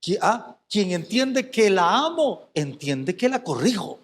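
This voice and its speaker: Man, pastor, fervent sermon, rhetorical questions, high-pitched, echoing church hall. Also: big pitch swings, slow.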